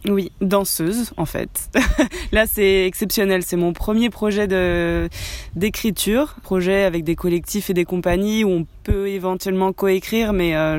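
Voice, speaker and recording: A woman's voice: fairly low pitch, a little mellow, no echo. A young adult woman, a contemporary dancer, answering radio interview questions with many hesitations and restarts.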